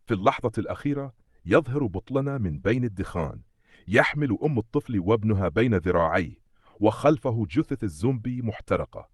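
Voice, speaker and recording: A male narrator with a very deep voice and a husky grain recaps a comic story in steady, dramatic scripted narration. The sound is dry and close, with no room around it. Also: brisk, no room sound.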